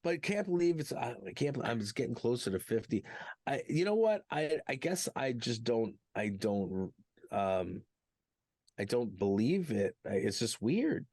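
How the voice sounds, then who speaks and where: A man's voice: mid-range voice, very animated, unhurried, a little mellow, no echo, clean studio sound. A man in his forties co-hosting a podcast, rambling casually with lots of fillers and jokes. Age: 40s. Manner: rambling, filler-heavy, jokey. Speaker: podcast co-host. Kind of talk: casual chat.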